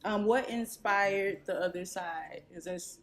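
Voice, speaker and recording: A woman's voice: mid-range voice, unhurried. Chatty woman interviewer at a crowded event. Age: 30s. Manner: chatty, many fillers and likes. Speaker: interviewer and blogger. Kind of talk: casual interview. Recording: noisy live event with crowd. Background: loud crowd.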